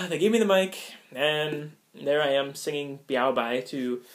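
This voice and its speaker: A man's voice: fairly high pitch, fairly even intonation, unhurried, a bit bright. A young American man telling a story casually, rambling with many fillers and frequent laughs. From United States. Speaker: vlogger.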